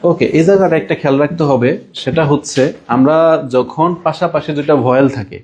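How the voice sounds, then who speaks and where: Man teaching French, fairly high voice. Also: darkish tone. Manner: explains in Bengali, slows down to say French phrases. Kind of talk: live online language class.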